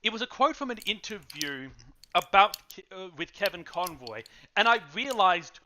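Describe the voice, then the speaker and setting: A man co-hosting a podcast, in casual chat, talking in emphatic, animated bursts. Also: high voice, moderate pace, slight background noise. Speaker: podcast co-host. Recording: dull lo-fi audio.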